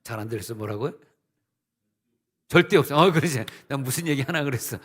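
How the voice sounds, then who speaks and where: A middle-aged male senior pastor preaching a sermon, with emphatic rises and conversational asides. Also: mid-range voice. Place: church sanctuary. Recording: long church hall reverb.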